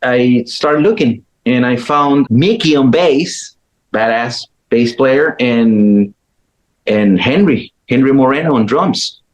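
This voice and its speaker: Man, middle-aged, guest guitarist, easygoing storytelling, pauses and restarts. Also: medium pitch, poor audio. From Chile. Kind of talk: casual interview talk.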